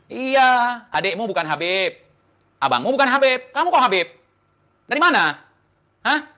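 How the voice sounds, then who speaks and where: A man's voice: very high voice, sharp tone. A man hosting an online talk show, delivering a defiant, taunting monologue to the camera full of rhetorical questions. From Indonesia.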